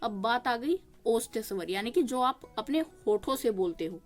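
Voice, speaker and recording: Higher-voiced woman teaching grammar. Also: expressive. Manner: explains step by step, often asking "ठीक है?"; sounds out vowels slowly for the listener. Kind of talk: Hindi grammar lesson. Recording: faint music behind the voice.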